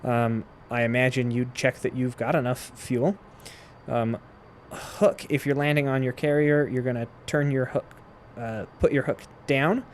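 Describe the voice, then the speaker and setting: In his flight sim tutorial, the presenter walks through the game step by step with relaxed instructional commentary. The medium-pitched voice holds a steady tone and runs a little slow, over a faint hiss or hum.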